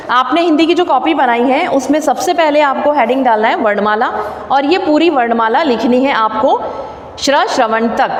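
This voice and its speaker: A woman teacher giving a patient classroom lesson, explaining step by step and quizzing her pupils. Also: high-pitched. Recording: echoey room with faint background hiss.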